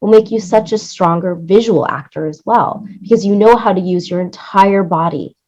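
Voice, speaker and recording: Interviewed about her work as a music supervisor and audio producer, a woman explains things casually and with animation, acting out quoted lines and asking "right?" to seek agreement. Her voice is mid-range at a normal pace, and the recording lacks high frequencies.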